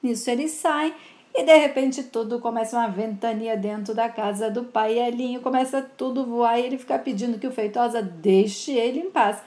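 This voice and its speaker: A woman's voice: on the high side, moderate pace, a little mellow. A woman casually retelling a soap opera episode, speaking of the characters with fond, pitying diminutives. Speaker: narrator of soap opera recaps. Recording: roomy echo.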